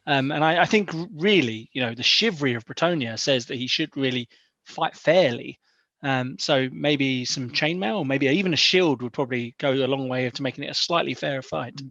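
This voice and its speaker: This is a man voicing a smooth-talking male elf negotiator in improvised tabletop role-play, courteous and diplomatic, persuading with formal politeness. His mid-range voice moves fairly quickly with a fairly bright tone. The close recording is dull and lo-fi, with no room sound.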